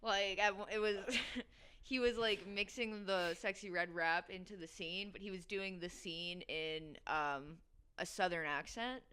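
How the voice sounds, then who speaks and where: A woman's voice: fairly low pitch, clean tone. A woman co-hosting a podcast, chatting casually and telling a story about her performance class, laughing often. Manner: animated, laughs often, quick joking. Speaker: podcast co-host; adjunct professor of performance. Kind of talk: casual chat.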